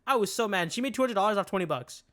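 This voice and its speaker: A young man co-hosting a casual comedy podcast, chatty and full of filler words, quick to get riled. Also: sits high, lively intonation, background noise. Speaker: podcast co-host. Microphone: podcast microphone.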